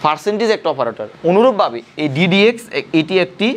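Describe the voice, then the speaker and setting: High-voiced man tutoring in class. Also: very animated, fast talker, slight background noise. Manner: questioning students, repeating points. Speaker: physics tutor. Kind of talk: classroom lecture.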